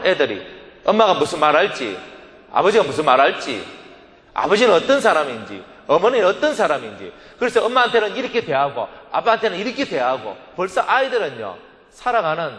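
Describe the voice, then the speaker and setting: Animated preaching pastor in an echoey hall. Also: male voice, on the high side. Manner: emphatic preaching with rhetorical questions. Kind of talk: sermon. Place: church sanctuary.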